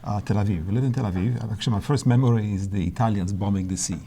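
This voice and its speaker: An older Polish man, whose first language is Polish, reflects on his early life in interview answers, hesitating and restarting often. His voice is fairly low and warm with vocal fry, and he speaks fast.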